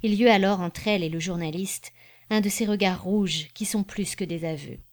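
A woman narrating a classic novel as an audiobook reader, in a measured, even storytelling manner. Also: mid-range voice.

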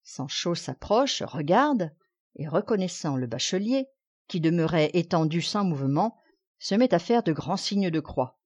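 A woman narrating an audiobook with a measured, expressive reading. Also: on the low side. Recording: dull lo-fi recording.

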